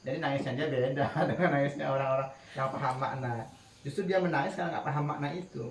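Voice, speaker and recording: A man's voice: medium pitch, steady tone, fast, vocal fry, slight background noise. A man teaching Quran recitation rules to his students in a casual, chatty way, often breaking into melodic chanting to demonstrate, heard from a distance in a roomy space with faint crickets. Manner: chatty, laughs while telling anecdotes. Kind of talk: casual tajwid lesson to students.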